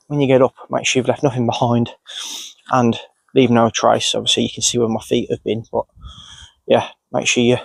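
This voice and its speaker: A man's voice: mid-range voice, creaky, no echo. A man sniffly with a cold, casually narrating his outdoor cooking as he goes, unscripted. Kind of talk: casual, unscripted narration while doing tasks. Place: outdoors in countryside.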